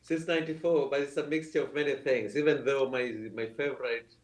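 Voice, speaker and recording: A man's voice: medium pitch, fairly even intonation, brisk, echoey room. A man from Kenya, a theatre producer, speaking earnestly on a video call panel and repeating words as he searches for phrasing. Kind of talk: panel discussion.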